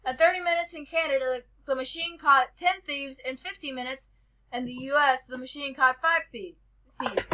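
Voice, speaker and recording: A woman's voice: high voice, normal speed, sharp tone, lo-fi sound. A woman hosting a casual joke-reading challenge, reading jokes aloud and stumbling over the words.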